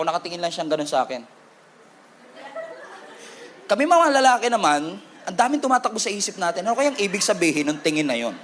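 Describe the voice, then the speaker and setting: A man with a Filipino accent preaching a sermon in a church, animated and humorous, calling on the congregation to respond. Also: a little high, slight background noise. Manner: animated, humorous preaching with Taglish code-switching. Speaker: pastor.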